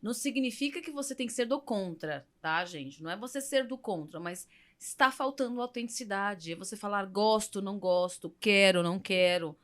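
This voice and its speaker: A Brazilian woman speaking as a therapist guest in a relaxed podcast chat, at an ordinary mid pitch for a woman. She talks directly and with energy, slipping into little voices to act out the people she quotes. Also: moderate pace. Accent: Brazilian Portuguese. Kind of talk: casual podcast conversation.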